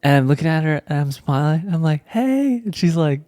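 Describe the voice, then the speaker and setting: A man co-hosting a casual spiritual chat, telling a story with laughter and sudden loud, high exclamations. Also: little pitch movement, brisk, clear, resonant tone, dry recording, clean studio sound.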